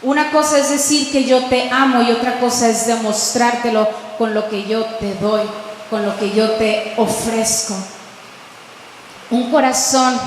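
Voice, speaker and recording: Woman pastor, high voice, sermon, slow emphatic scripture reading, questions to the congregation, long hall reverb. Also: a little hiss or hum.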